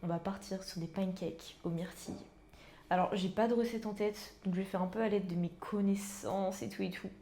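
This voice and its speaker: Mellow-voiced young woman chatting in a vlog. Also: mid-range voice, fairly even intonation, fairly quick. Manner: informal, enthusiastic, slangy. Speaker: book and food vlogger. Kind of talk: casual chatty vlog to viewers.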